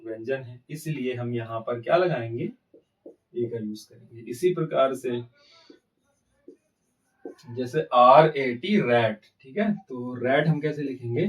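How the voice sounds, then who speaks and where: Male grammar teacher, steady mid pitch, quiz-and-answer delivery, slightly distant mic. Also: takes it slowly, long pauses. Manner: asks rhetorical questions and answers them himself. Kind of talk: classroom-style grammar lesson.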